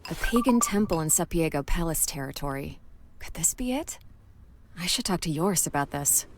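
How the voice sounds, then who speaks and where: Young adventurer heroine, determined, quick-witted, lively pitch, game dialogue. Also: female voice, soft background music. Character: young woman adventurer hunting a lost crown.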